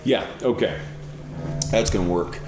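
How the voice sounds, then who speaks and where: A man with a lowish voice talks slowly while he composes on a livestream, thinking aloud and correcting himself as he goes. The room sounds roomy, and a guitar is heard clearly behind him. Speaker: musician streaming while composing. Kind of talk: casual livestream talk while working.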